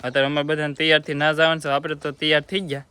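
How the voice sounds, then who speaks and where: Fast-talking Gujarati man vlogging. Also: on the high side, little pitch movement, bright, forceful tone, clear, resonant tone. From Gujarat, India. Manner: chatty, teasing, quick talking. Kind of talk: casual family vlog chat.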